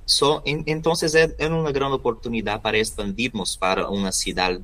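A man from Brazil with a Brazilian Portuguese accent, a non-native speaker answering interview questions haltingly and searching for words. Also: medium pitch, steady tone, a bit bright. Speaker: interview guest, volunteer youth radio host.

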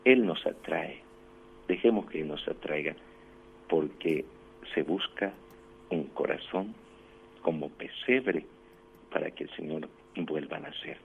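A man's voice: very deep voice, slow pace, creaky, long pauses. A man who is a priest, preaching a sermon that quotes scripture, with rising emphasis on key phrases. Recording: tinny phone-like sound with faint noise.

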